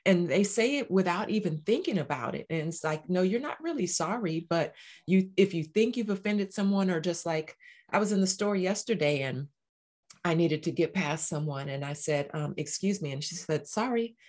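A woman's voice: on the low side, normal speed, darkish tone. A woman life coach speaking as a podcast guest, earnest and emphatic. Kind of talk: casual conversational chat.

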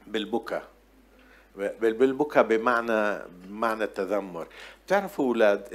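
A man preaching a sermon as pastor, telling stories in a conversational way with many restarts. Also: on the low side.

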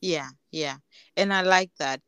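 A woman's voice: fairly low pitch, unhurried, a bit bright, clear, resonant tone, no echo. A woman co-hosting a casual podcast, asking questions while thinking aloud and trailing off. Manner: thinks aloud, trails off, gives short backchannels. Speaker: podcast co-host.

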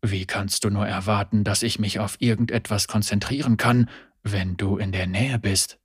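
A wry male gunfighter who speaks low and hushed, understated and dry in his replies, as the narrator puts him on. The storybook recording is dry and close. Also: slow, slightly rough, no room sound, exaggerated voice.

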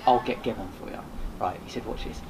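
A man's voice: medium pitch, fast. A man, a podcast host appearing as a guest, telling a rambling casual story full of restarts and swearing. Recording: noisy background hiss.

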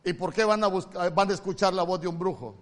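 A male pastor with a Honduran accent preaching a sermon, moving from loud emphatic calls to soft, hushed lines. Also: high voice, fast talker. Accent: Honduran Spanish.

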